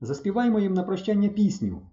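An eager young pioneer girl, played by a male storyteller, with a raised, coaxing voice that bounces lively up and down. Beneath it sits a dark, warm timbre. The recording is roomy and a little muffled. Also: sits high, fairly quick, pitched above the performer's own voice. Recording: roomy, slightly dull recording.

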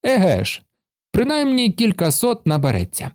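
Guy putting on a bouncy high carefree little braggart from a storybook, lively swings, dry close sound. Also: moderate pace, no echo. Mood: breezy. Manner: cheerful, brushes off trouble. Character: boastful carefree plump little man.

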